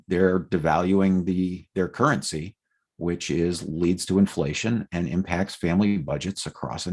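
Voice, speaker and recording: Low gravelly-voiced man explaining policy. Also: a little mellow. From United States. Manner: unscripted, with fillers and restarts. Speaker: presenter of a policy platform.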